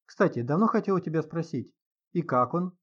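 A man reading an audiobook, voicing a nosy, gossipy older woman writer who talks in a prying, lively way. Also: fairly high pitch, normal speed, highs cut off.

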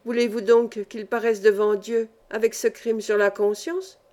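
A woman voicing a wise older male miner who speaks with firm, calm authority in an audiobook. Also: a little high, normal speed, close to an everyday voice.

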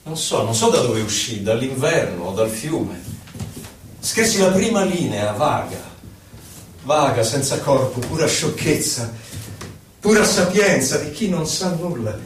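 This poetry performer has a medium-pitched voice with wide swings in pitch and a measured pace, plus a slight hiss or hum on the recording. Reciting for radio, he stretches his lines with solemn theatricality, heard from afar in an echoey space under loud music.

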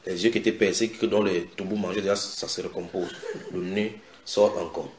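A man preaching a sermon, retelling scripture dramatically with sudden shouted quotes and direct questions to his listeners. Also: low-pitched, steady tone, fairly quick, background noise. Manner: asks the audience direct questions. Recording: echoey room.

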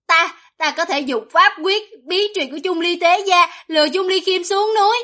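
A woman's voice: extremely high pitch, moderate pace, sharp tone, voice pushed up. A woman voicing a terrified young man who cries and begs for mercy in a fantasy audiobook. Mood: terrified pleading. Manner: sobbing, begging. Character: young man pleading in terror.

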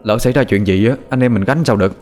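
A man voicing a timid young man who is easily frightened, speaking in a high, pleading, panicky voice. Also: fast, a little mellow, faint music behind, natural voice. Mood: worried.

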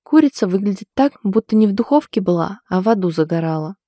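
A woman's voice: medium pitch, animated, quick pace, warm tone, no echo, clean studio sound, close to an everyday voice. A woman voicing a blunt young woman who swears and gossips, a hapless cook who grumbles at her own mistakes, in an audiobook. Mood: mocking. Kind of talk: audiobook character voice.

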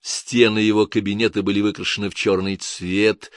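A man narrating an audiobook in a measured, expressive reading. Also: lowish voice, no echo, studio quality.

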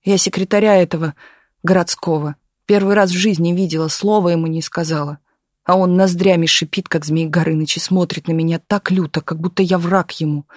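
A reader voicing a frightened, weary young actress who speaks quietly and pleadingly, often close to a whisper. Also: mid-range voice, steady tone, a little fast, no room sound, close to an everyday voice. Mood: bitter, sad.

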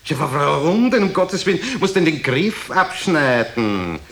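A man's voice: fairly high pitch, big pitch swings, measured pace, vocal fry, fairly bright tone, voice pushed up, heavily acted. A man voicing a chatty, curious aristocrat who keeps prying with eager questions. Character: chatty curious Viennese aristocrat friend, middle-aged man. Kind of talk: comedy record joke telling.

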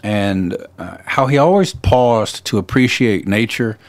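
A man's voice: fairly low pitch, measured pace. A man co-hosting a podcast, chatting casually and retelling a story with lots of fillers and restarts. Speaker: podcast co-host. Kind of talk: casual chat.

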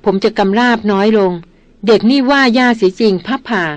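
A woman voicing a calm aristocratic older brother who speaks mildly, in a dry audiobook recording. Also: on the high side, fairly quick, no room sound, close to an everyday voice. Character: calm noble older brother, gently weary.

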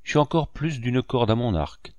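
A man voicing a cunning old pirate captain in an audiobook, calm and mocking in manner. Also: medium pitch, moderate pace, no echo, close to an everyday voice. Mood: sly. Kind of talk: audiobook reading.

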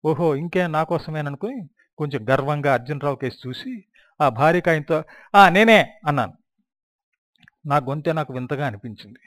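A man's voice: a little high, moderate pace, pauses often, dry recording, clean studio sound. A man reading a first-person memoir aloud as an audiobook, in a reflective storytelling manner. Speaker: audiobook narrator.

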